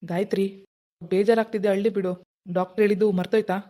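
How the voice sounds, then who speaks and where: A woman doing a middle-aged cartoon husband and father, pitched well down from her own voice. He keeps his words short and firm, steadying his wife. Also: little pitch movement, fast talker, mellow, lightly acted.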